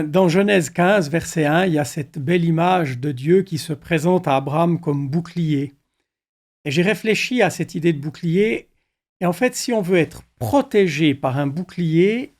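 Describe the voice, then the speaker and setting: A middle-aged male pastor speaking calmly and thoughtfully in a conversation. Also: fairly high pitch, measured pace. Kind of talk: reflective conversation.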